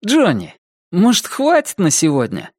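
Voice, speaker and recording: A man voicing Chuck, a halting young reader. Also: sits high, huge pitch swings, dry recording, clean studio sound, pitched above the performer's own voice, exaggerated voice. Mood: pleading cheerful. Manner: slow stumbling reading aloud. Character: young male student, cheerful, pleading, halting reader.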